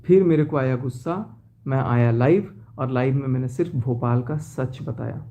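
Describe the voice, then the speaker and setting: A man's voice: mid-range voice, moderate pace, warm tone. A young man talking to his viewers from his car, agitated as he recounts a betrayal in a personal vlog. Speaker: vlogger.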